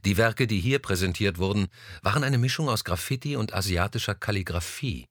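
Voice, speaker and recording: Man, audiobook narrator, fairly low voice, lively intonation, dry close recording. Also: brisk, dry recording. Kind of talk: scripted novel narration.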